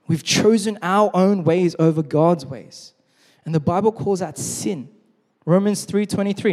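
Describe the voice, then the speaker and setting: A man preaching a sermon as pastor, earnest, repeating key phrases and slowing down to read scripture. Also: high voice, darkish tone. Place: church hall. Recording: long reverb in a large hall.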